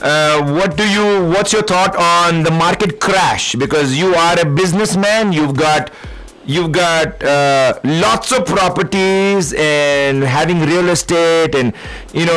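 A man with an Indian accent, hosting a casual talk show in a halting way that circles back over phrases. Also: on the high side, fairly bright tone, low-quality recording. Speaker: radio host.

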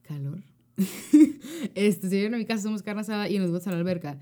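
Slangy Mexican woman, mellow voice. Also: mid-range voice, quick pace. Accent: Mexican Spanish. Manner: slangy, animated storytelling. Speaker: podcast co-host. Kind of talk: casual chat.

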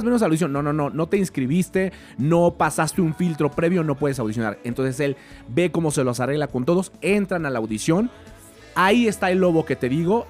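A man with a Mexican accent retelling a film in an animated, chatty way, full of fillers. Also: fairly high pitch. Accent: Mexican Spanish. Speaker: film commentator.

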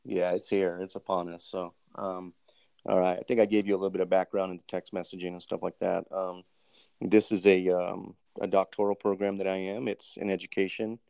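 Deep gravelly man hosting an interview. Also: little pitch movement, brisk, dark tone, no room sound. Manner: polite, many ums, formal address of sir. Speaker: host, military doctoral student interviewer. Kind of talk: casual interview, recorded podcast segment.

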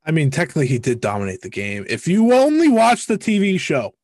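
A young adult man co-hosting a podcast in casual chat, expressive and often exasperated, with some swearing. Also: a little high, brisk. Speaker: podcast co-host.

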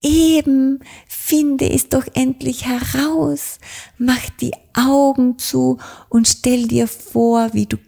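A woman's voice: high-pitched, level tone, slow pace, creaky, warm tone, voice pushed up, heavily acted. A woman voicing a cheerful, encouraging little witch in a children's audiobook, urging a friend on eagerly. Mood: excited, encouraging.

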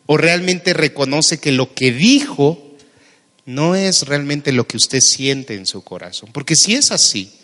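A man's voice: fairly high pitch, expressive, measured pace, a bit bright. A Mexican man preaching a sermon as pastor, asking his listeners questions and calling them brother. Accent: Mexican Spanish. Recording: long hall reverb.

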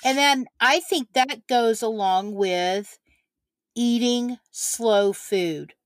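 A woman co-hosting a casual chat, speaking in slow, deliberate, measured phrases. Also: on the high side, dry recording. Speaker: podcast co-host.

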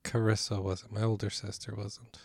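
A man's voice: lowish voice, level tone, moderate pace, vocal fry, darkish tone, no echo. Dry, matter-of-fact male co-host. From Texas-born, raised in Wisconsin. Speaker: podcast co-host. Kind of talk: casual chat.

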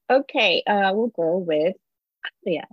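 A woman's voice: mid-range voice, expressive, takes it slowly, no echo. A woman moderating a panel, speaking in a friendly, hesitant way with many "um"s. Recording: dull, dry sound.

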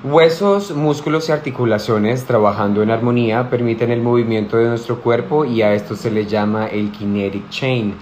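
A man's voice: medium pitch, moderate pace, hardly any pauses, a little mellow, a little hiss or hum. A man hosting a live-stream conversation, effusive, repeating words for emphasis. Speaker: host, professional ballet dancer.

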